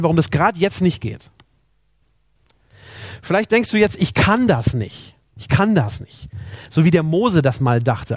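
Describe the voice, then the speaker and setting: A man's voice: high-pitched, darkish tone, dry recording, studio quality. A man preaching a sermon, earnest, asking the congregation rhetorical questions.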